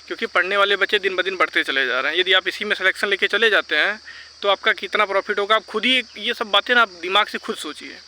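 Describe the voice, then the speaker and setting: A vlogger advising exam candidates speaks in a high, pushed, bright voice over slight background noise. His advice is casual and combative, he repeats himself insistently, and English words keep cropping up in his speech.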